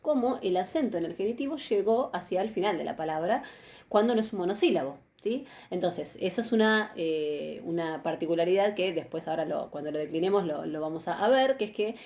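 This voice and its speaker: A woman giving a patient, explanatory university lecture, often pausing on fillers and checking questions. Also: on the low side, animated, a little mellow. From Argentina. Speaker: university Greek teacher. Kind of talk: recorded online lecture.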